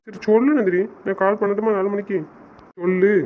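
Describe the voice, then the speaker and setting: Actor for a coaxing young man, fast and pleading, faint hiss behind. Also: high voice, flat delivery, lightly acted. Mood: frustrated. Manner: coaxing, reasoning, exasperated. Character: patient young man, exasperated fiancé on phone. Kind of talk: audio drama acting. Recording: dull lo-fi sound with faint noise.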